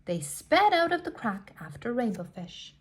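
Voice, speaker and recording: A woman reads a picture book to an audience of small children in a fairly high-pitched voice. She's expressive and stresses parts with deliberate dramatic flair.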